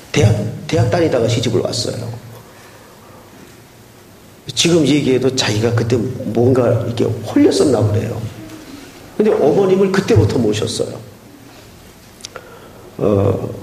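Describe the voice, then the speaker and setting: A man in his fifties preaching a sermon as pastor, telling stories and acting out voices. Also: medium pitch. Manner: animated storytelling, acts out quoted voices. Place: church sanctuary. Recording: roomy church sound with faint noise.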